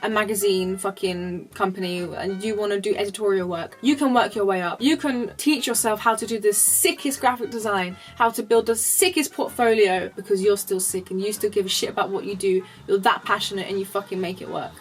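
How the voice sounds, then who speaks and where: A young woman talks straight to camera in a casual advice vlog. She is blunt and passionate, swears freely, and reads viewer comments aloud between her own opinions. Soft music sits faintly behind her voice. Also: medium pitch, brisk, few pauses, rough recording. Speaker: vlogger.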